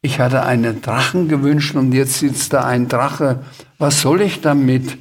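A man's voice: mid-range voice, steady tone, measured pace, slightly rough. A man reading aloud and voicing a cheeky, boastful little creature, the Sams, in a storybook. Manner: boastful, bossy.

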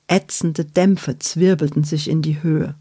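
A woman reading a children's book aloud in a deliberate storytelling manner. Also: low-pitched, fairly even intonation, mellow, breathy edge, dry recording, studio quality.

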